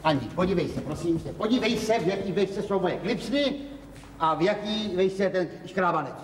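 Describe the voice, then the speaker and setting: An actor playing an indignant, worn-out middle-aged husband home from the factory, protesting in exasperation, in a 1970s TV drama. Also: male voice, high voice, animated. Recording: echoey 1970s TV film sound, faint hiss.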